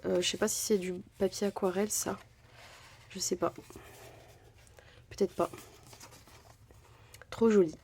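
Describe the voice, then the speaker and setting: A woman's voice: medium pitch, steady tone, a little slow, pauses often, darkish tone, slight background noise. Woman vlogger, casual unboxing chat, effusive, lots of fillers. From France. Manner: chatty, gushing, many fillers. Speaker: crafting vlogger.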